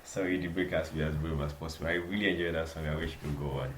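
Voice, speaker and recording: Racing along in a steady bass voice, a young Nigerian podcast host with a Nigerian accent chats casually on his solo show. He repeats himself and laughs a lot, over slight background noise.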